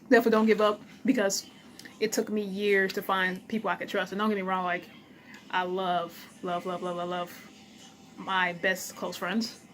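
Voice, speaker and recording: A woman vlogs straight to her camera in a casual, blunt way. She speaks at an ordinary middle pitch and gives frank encouragement, stopping now and then to chew. A light room hiss sits under her voice. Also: little pitch movement, moderate pace, poor audio. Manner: blunt, encouraging, eats while talking. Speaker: vlogger.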